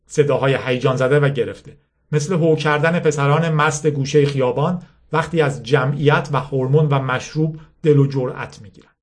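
A male narrator reads a gritty novel aloud at an even, measured pace. His voice sits in a middle pitch range, neither high nor low. He keeps the storytelling steady through tense action. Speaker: audiobook narrator.

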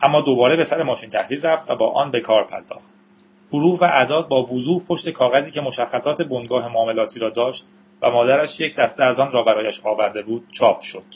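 A man reading a novel aloud as an audiobook narrator, in steady storytelling with the odd aside to listeners. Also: mid-range voice, lo-fi sound, a little hiss or hum.

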